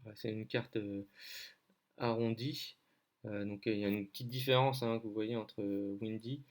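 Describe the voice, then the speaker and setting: A man's voice: on the low side, fairly even intonation, normal speed. A man from France giving a casual screen-share lesson on weather maps, hesitant, with many fillers as he thinks aloud. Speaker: weather-map tutor.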